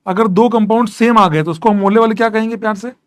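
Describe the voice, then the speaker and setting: Male chemistry teacher, high voice, animated, repeats and quizzes constantly. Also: fast. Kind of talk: classroom lecture.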